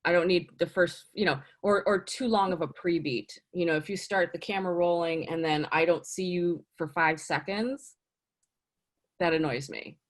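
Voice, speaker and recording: A woman talking as a casting director in a casual interview, chatty and animated, full of "you know" and "like". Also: normal speed. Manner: lively, swings up in pitch for emphasis.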